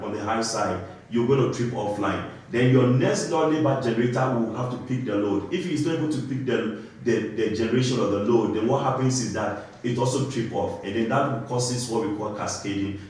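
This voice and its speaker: A man's voice: mid-range voice, normal speed, darkish tone, a little hiss or hum. A man from Ghana with a Ghanaian accent, a compliance engineer explaining a technical topic and often checking in with "right?". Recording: very echoey room.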